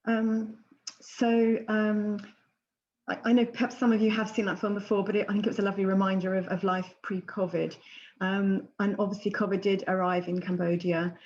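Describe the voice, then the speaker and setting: An older woman presenting an unscripted update on a video call, speaking haltingly and hesitantly. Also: mid-range voice, flat delivery, darkish tone, slight background noise. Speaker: presenter at an online charity event. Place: plain room indoors. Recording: dull video-call sound.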